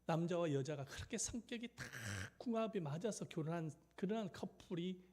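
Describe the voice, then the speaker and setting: Male pastor, storytelling sermon, slightly higher-pitched voice, asks the congregation questions. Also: animated, brisk, a little mellow.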